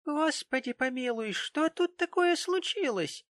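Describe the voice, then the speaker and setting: Мужчина-чтец озвучивает маленького суетливого цирюльника, взволнованного и болтливого. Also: male voice, very high-pitched, lively intonation, unhurried, fairly bright tone, no room sound, voice pushed up, exaggerated voice. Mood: flustered. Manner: fussy, chattering. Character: little fussy male barber, flustered.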